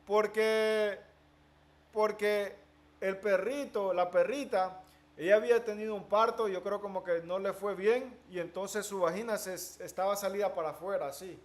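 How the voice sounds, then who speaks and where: During a casual conversation, a male interviewee with a noticeably high voice talks in an animated, storytelling way at a moderate pace. He mixes English words into his speech.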